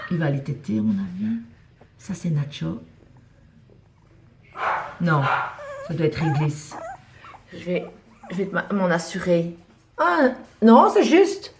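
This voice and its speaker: A woman's voice: fairly low pitch, sing-song, unhurried, creaky, pauses often, background noise. A woman filming a litter of puppies on her phone at home, explaining who is who and cooing fondly at them. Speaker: dog breeder showing a litter of puppies. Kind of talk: casual phone video commentary. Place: indoors at home, near a radiator. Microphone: phone held in hand.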